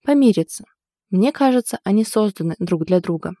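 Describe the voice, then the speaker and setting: A woman voicing a gentle, soothing young woman in an audiobook, with a soft, reassuring delivery. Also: medium pitch, expressive, brisk, no echo, clean studio sound, lightly acted.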